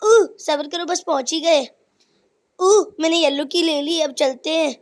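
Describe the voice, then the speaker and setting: A woman's voice: high-pitched, measured pace. A woman voicing a cheeky, boastful little cartoon boy who drawls a long "ooh" before his lines, over gameplay. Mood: cocky.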